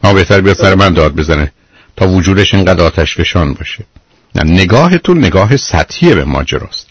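A man's voice: low-pitched, animated, slightly rough, no room sound. A man hosting a radio call-in advice show, lecturing bluntly and cutting in on the caller.

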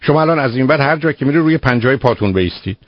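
A man's voice: mid-range voice, expressive, dry recording. A man hosting a radio call-in show, giving direct, lecturing advice with pointed rhetorical questions to a caller. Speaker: radio psychologist host. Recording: muffled radio broadcast audio.

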